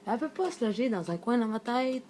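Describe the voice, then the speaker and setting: A woman's voice: fairly high pitch, animated, fairly quick, darkish tone, slight background noise. A woman with a Québécois accent speaking in a casual vlog monologue. She is emphatic, rambling and swears freely. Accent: Québécois French. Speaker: vlogger sharing her thoughts. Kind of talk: casual spoken monologue to camera.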